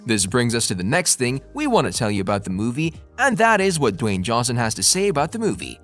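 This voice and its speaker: Animated male narrator, swinging pitch. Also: a little fast. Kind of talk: scripted movie-news narration. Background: faint music.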